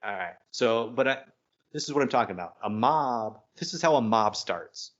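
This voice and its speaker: A man co-hosting a podcast, telling a story in a casual, animated way that keeps breaking off and restarting. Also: medium pitch, moderate pace. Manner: animated, self-interrupting anecdote telling. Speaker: podcast co-host. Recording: dull lo-fi sound.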